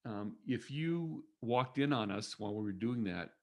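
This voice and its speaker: A man co-hosting a casual spiritual podcast, talking in a halting way with many fillers and restarts. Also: medium pitch, animated. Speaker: podcast co-host.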